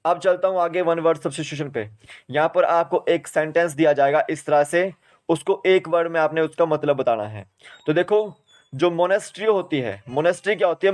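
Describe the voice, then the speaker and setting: A young Indian man from Himachal Pradesh teaching exam spellings, spelling each word out letter by letter and then repeating it. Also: on the high side. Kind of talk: spelling and vocabulary lesson.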